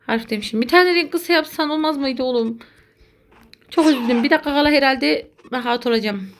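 A woman giving casual, excitable commentary while playing a video game, talking to her viewers as friends. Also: high-pitched, a little fast, slight background noise. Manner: excitable, chatty, addresses viewers as buddies. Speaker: gaming content creator.

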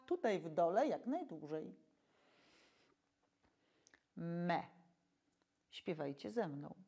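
A woman actress leading diction and voice warm-up exercises, speaking slowly and articulating every syllable with care. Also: fairly low pitch, sing-song. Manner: slow, clearly articulated instructions, loud drilled syllables.

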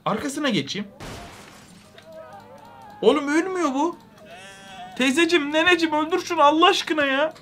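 Excitable high-voiced man doing game commentary. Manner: excitable, loud exclamations, swinging pitch. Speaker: gaming YouTuber.

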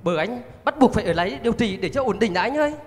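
A man's voice: sits high, fast talker. A man playing an earnest doctor. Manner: calm, reassuring, earnest. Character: dedicated on-duty male doctor, adult. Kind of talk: amateur stage drama. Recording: reverberant hall.

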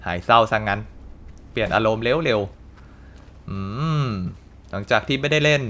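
A man's voice: medium pitch, measured pace, bright, forceful tone. A man hosting a gaming channel who gives chatty let's play commentary and exclaims at the action.

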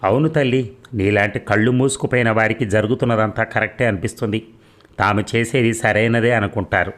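Storybook reading: a man voicing an indignant middle-aged father who scolds, low-pitched. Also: steady tone, fairly quick, a bit bright, natural voice. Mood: scolding, indignant.

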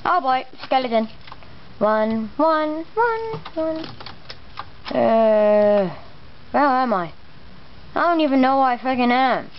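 A high-pitched voice gives casual game commentary at a slow, halting pace, with mild swearing and muttered exclamations. The recording is dull and lo-fi, picked up by a camera aimed at a screen, with some noise behind it. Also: lively intonation. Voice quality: imprecise R sounds. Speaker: let's play host. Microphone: camera pointed at a monitor. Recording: muffled lo-fi mic, noisy background.

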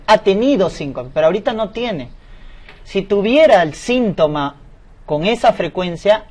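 A man lecturing as a medical exam tutor, asking questions aloud and answering them himself. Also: sits high. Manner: explanatory, asks and answers his own questions.

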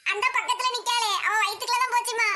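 A woman's voice: very high voice, fairly even intonation, fast talker, music in the background. A woman playing a cheeky younger sister who teases and tells on her sibling, in a Kanniyakumari accent. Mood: teasing. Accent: Kanniyakumari Tamil. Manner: teasing, tattling.

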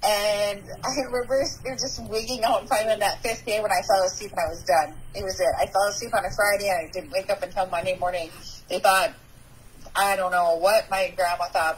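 A woman's voice: mid-range voice, slight background noise, poor audio. Candid woman telling her story. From North Dakota, USA. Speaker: guest. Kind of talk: personal recovery story.

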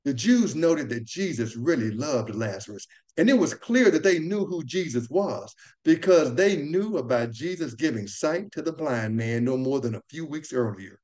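A man giving a Bible study lesson in an earnest, measured teaching voice. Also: medium pitch, animated, darkish tone.

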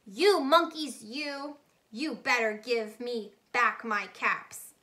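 A storybook peddler at the end of his patience, acted out by a woman. The voice is high and bright, scolding with emphatic, halting repetition. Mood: angry, insistent. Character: exasperated male cap peddler scolding monkeys.

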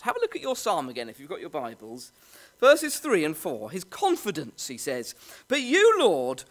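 A male preacher gives an all-age sermon in church, his pitch leaping high and low in wide swoops. He tells the story with lively gestures in his voice and keeps turning to the children with questions.

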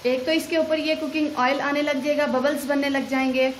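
A woman's voice: high voice, brisk, echoey room, a little hiss or hum, rough recording. A woman, a cooking channel host, talking through a recipe step by step in a voice-over. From Pakistan. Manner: steady step-by-step instructions.

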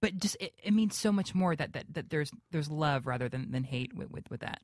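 A young man with a naturally high-pitched voice, a guest actor in a radio interview, talking haltingly with many fillers and restarts. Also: lively intonation, no echo, studio quality.

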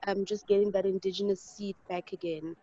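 A woman's voice: medium pitch, steady tone, fairly quick, warm tone, muffled recording. A woman joining an online workshop as a participant, polite and eager, a little hesitant. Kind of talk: casual chat on a video call.

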